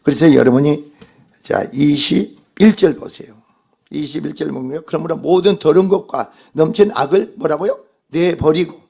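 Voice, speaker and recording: A man's voice: on the high side, creaky, dark tone, slightly rough. A male pastor delivering a Sunday sermon, emphatic and putting rhetorical questions to the congregation.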